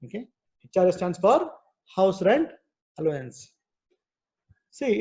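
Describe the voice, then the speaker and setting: A warm, high-sitting male voice with an Indian accent explains worked problems step by step during an online class. His teaching is didactic and repetitive, punctuated by frequent "okay" checks, and the video-call recording is dull and muffled.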